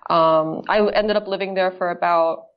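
A woman from Japan, a company co-founder, chatting as an interview guest, laughing easily and pausing on fillers. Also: lowish voice, fairly even intonation, clear, resonant tone. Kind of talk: casual interview chat. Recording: slightly dull, lo-fi.

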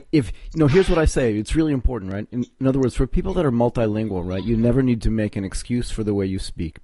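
A man's voice: fairly low pitch, mellow, slight background noise. A man hosting a podcast interview, talking in an enthusiastic, chatty way. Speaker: podcast host.

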